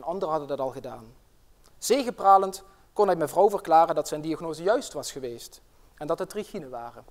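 A middle-aged man who is a professor and family doctor delivers an inaugural lecture in a friendly way. He hesitates with fillers and breaks into storytelling, in a fairly high voice for a man. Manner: friendly, with frequent fillers, tells a tale. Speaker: professor and general practitioner.

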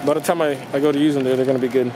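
A young man in his twenties vlogs on a phone held at arm's length, moving from his car into a huge warehouse store, with noisy surroundings in both places. His mid-range voice is steady but very fast, and he's relaxed and slangy, tossing in how-to asides.

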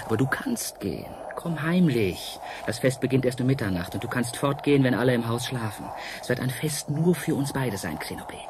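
A male actor with a medium-pitched, expressive voice takes on a radio-play role as a mysterious, seductive painter from an ancient world. The performance is lightly acted, coaxing and dramatic with halting pauses, and background noise is present.

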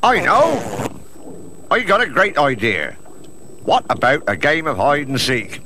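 Excitable, swooping British monster servant. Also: male voice, fairly high pitch, a little slow. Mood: eager. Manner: exclamatory, informal, swooping. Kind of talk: cartoon voice acting. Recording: noisy, echoey old video soundtrack.

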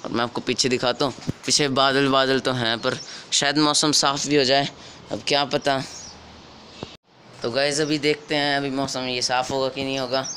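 A teenage boy with a slightly hoarse voice from a cold talks through a casual daily vlog. He keeps his pitch level and unhurried, and he picks his words slowly. He is recorded on a handheld phone, with plenty of ambient noise behind him. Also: level tone, bright, forceful tone. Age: teens. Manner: talks slowly and carefully on purpose. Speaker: vlogger.

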